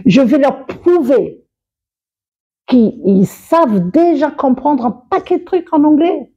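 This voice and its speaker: A woman's voice: sits high, animated, slow pace, warm tone, lo-fi sound. A woman who works as a public speaker and coach, talking expressively in an interview, laughing often and restarting her sentences. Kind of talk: interview conversation.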